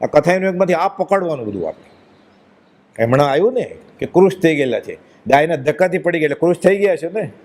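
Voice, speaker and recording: A man's voice: on the high side, expressive, brisk, a little mellow. Emphatic man giving a devotional discourse. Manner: emphatic, rhetorical questions. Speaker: religious speaker.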